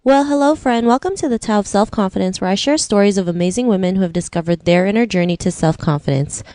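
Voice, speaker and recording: A woman's voice: medium pitch, quick pace, warm tone. A woman hosting an interview podcast, talking conversationally with frequent "you know" filler phrases. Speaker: podcast host.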